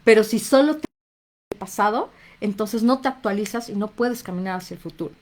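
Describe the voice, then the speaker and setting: A woman with a Mexican accent, a therapist on a live stream, talks casually and conversationally with viewers, reading out their names to greet them and acting out little inner voices. Her mid-range voice is brisk and a little mellow, with a little hiss or hum in the recording.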